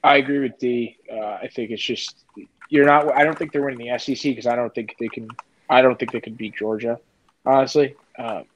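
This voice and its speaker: A man's voice: medium pitch, steady tone, brisk. A man co-hosting a podcast in casual sports chat, hesitant, with many restarts and fillers. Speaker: podcast co-host. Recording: dull lo-fi sound, faint noise.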